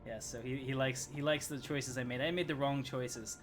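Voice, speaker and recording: A man's mid-range voice, with fairly even intonation and a moderate pace, carries casual live commentary on his game. As host of the stream, he rambles and chats to viewers, with game music behind him.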